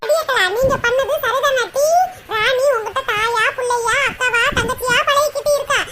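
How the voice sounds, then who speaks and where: A bossy, laughing village woman in a cartoon, played by a woman scolds her friends in a southern Tamil Nadu village dialect. Her voice is very high and squeaky. Heavy noise sits under it. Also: steady tone, normal speed. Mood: scolding. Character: chatty scolding village woman, middle-aged.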